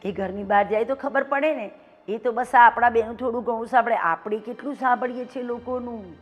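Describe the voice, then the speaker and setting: A woman's voice: a little high, fairly quick, faint music behind, natural voice. A middle-aged woman acting as a worried mother who complains about her son and the neighbours. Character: weary middle-aged mother fed up with gossip. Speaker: mother in a family drama. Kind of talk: Gujarati short-film acting.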